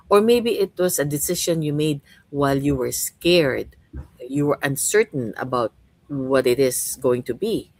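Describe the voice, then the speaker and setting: Low-voiced woman hosting a podcast chat. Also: dry recording, low-quality recording. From Philippines. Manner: warm, chatty, with many "you know" and "right?" tags. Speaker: host and coach.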